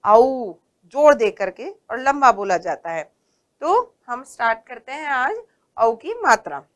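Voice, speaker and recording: Lady teacher reading words out slow for little kids, a bit high, stretches every word. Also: big pitch swings. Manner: slow, patient, stresses and stretches each word; asks questions and answers them herself. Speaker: primary school teacher. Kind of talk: Hindi phonics lesson for young children.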